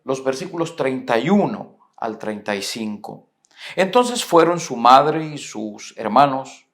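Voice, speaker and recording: Un pastor colombiano predica un sermón con acento colombiano, con calma, haciendo preguntas retóricas y leyendo las Escrituras en voz alta. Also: male voice, medium pitch. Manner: measured preaching with rhetorical questions, reads scripture aloud. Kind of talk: sermon. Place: church. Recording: echoey church hall.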